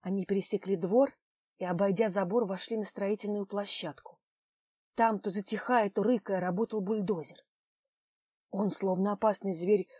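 Woman, audiobook narrator, measured, middle pitch, dry close sound. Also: dark tone, husky, no echo. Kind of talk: scripted narration.

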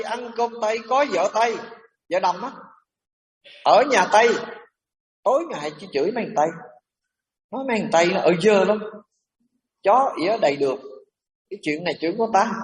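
A man preaching as a Buddhist monk, emphatic and animated, dropping in English and French terms. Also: high voice, recorded from a distance. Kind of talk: sermon to a congregation.

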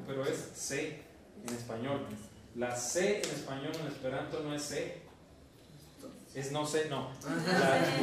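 A man from northern Mexico with a northern Mexican accent, teaching a class, joking and calling on students by name while repeating sounds slowly. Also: a little high, recorded from a distance. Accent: northern Mexican Spanish. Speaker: Esperanto teacher. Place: university classroom. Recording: very echoey classroom taped from afar.

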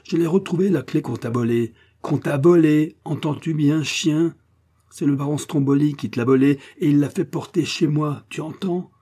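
A man's voice: medium pitch, moderate pace, close to an everyday voice. A man voicing a haughty, hot-tempered Russian prince who gives orders and rages in a storybook reading. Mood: furious. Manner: imperious, shouting in fury.

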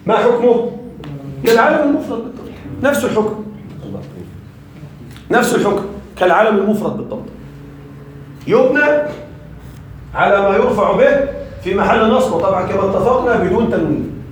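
Male grammar teacher, high voice, lively questioning style, very echoey classroom. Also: a little fast, long pauses, slight background noise. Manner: lively, quizzes students with rhetorical questions. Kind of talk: classroom lesson.

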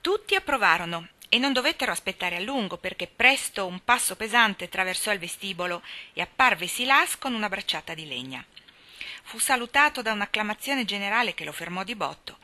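A woman reading a classic novel aloud in a measured, expressive storytelling manner. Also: mid-range voice. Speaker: reader.

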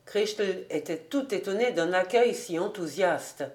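A woman reading a classic novel aloud as an audiobook, in calm, deliberate storybook narration. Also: fairly low pitch. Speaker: audiobook reader.

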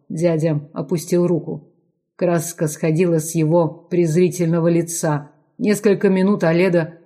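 Woman reading a dark audiobook, kinda low voice, measured and dramatic. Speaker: audiobook narrator. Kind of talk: scripted narration.

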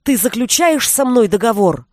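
A woman's voice: on the high side, animated, moderate pace, no room sound, studio quality, natural voice. Woman voicing Milosh, a stubborn sorcerer. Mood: desperate. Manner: coaxing, then shouting in despair. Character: male sorcerer, stubborn and desperate bargainer.

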